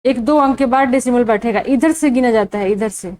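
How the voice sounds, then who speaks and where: A woman teaches maths in careful steps, her high voice carrying a darkish tone. Her questions to the viewer are followed by her own answers, all delivered slowly and deliberately, and the recording is rough.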